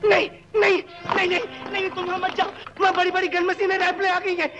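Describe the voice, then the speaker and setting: A man's voice: very high voice, completely flat delivery, brisk, lo-fi sound, loud music behind the voice. An actor playing a simple, kind-hearted young man in a 1960s film, talking earnestly and emotionally. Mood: frantic.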